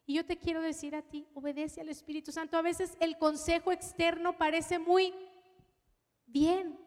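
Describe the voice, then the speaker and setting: A woman preaching a personal testimony, telling her story with strong emotion and dropping to a hush at tender moments. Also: high-pitched, big-room sound. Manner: emotional storytelling, shifts from loud to hushed. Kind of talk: testimony sermon.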